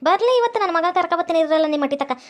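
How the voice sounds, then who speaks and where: A woman voicing a furious old village woman from a cartoon, who scolds and curses loudly in a North Karnataka accent. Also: extremely high pitch, expressive, rapid-fire. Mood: furious threats. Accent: North Karnataka Kannada. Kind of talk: cartoon voice acting.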